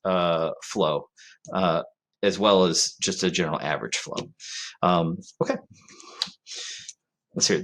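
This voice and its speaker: A male physics teacher giving a recorded lecture in a conversational way, often checking in with "right?" and pausing on fillers. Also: on the low side, fairly bright tone.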